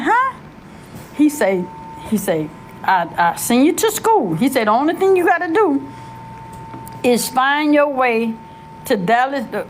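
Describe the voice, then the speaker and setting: A middle-aged woman telling her life story in a casual, animated, slangy way, often searching for words. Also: high voice, slight background noise.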